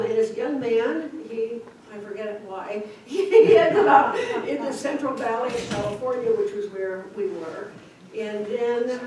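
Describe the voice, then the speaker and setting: Older woman, rambling church intro, slightly high voice, distant mic in a reverberant hall. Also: a little hiss or hum. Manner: warm, rambling with fillers and laughs. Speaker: introducing a guest speaker.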